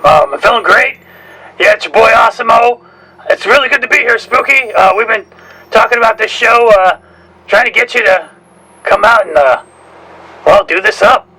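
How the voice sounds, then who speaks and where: Creaky, bright-voiced man chatting hesitantly. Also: high voice, lively intonation, low-quality recording. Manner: hesitant, halting, many pauses. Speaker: podcast co-host and caller. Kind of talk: casual chat. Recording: faint background noise.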